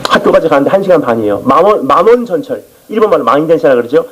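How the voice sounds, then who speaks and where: Guy preaching in church, husky voice, talks fast, pitch jumps all over. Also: poor audio. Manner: animated storytelling testimony. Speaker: missionary preacher. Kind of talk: sermon.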